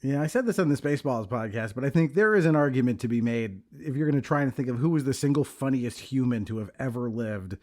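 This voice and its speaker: A man with a mid-pitched voice hosts a podcast. He recaps a film in a casual, conversational way. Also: quick pace, few pauses, darkish tone. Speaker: podcast host.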